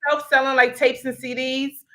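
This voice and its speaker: A young woman hosting a live online conversation, animated and laughing often as she talks. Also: sits high, moderate pace. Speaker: host.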